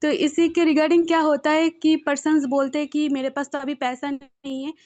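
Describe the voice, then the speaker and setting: A woman student answering her trainer's question on an online class, hesitant with many pauses. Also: sits high, flat delivery, a little mellow, dry recording. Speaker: sales student.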